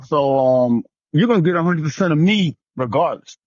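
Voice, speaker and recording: A man's voice: a little high, lively intonation, normal speed, a little mellow, dry recording, lo-fi sound. A man on a relationship panel, talking casually and rambling, often repeating himself. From New Jersey.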